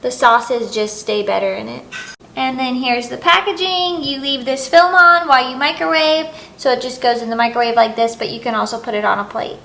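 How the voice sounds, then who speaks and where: A woman's voice: sits high, steady tone, brisk, gravelly, bright, forceful tone, roomy sound, a little hiss or hum, poor audio. A woman co-hosting a home food-tasting vlog, chatty and upbeat. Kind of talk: casual food-tasting chat.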